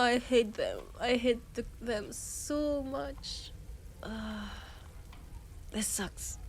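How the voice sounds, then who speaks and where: In an audio roleplay, a young woman with a French accent plays a space miner who has been laid off. Her voice is a little high and exaggerated, and she sounds bitter as she talks hesitantly with her best friend, trailing off into pauses.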